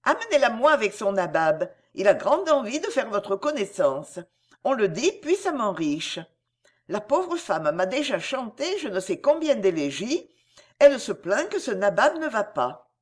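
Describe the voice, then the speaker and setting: A woman's voice: mid-range voice, very animated, unhurried. A woman reading a storybook and voicing a young courtesan, tender, scheming and coaxing. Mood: teasing. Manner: coaxing, affectionate.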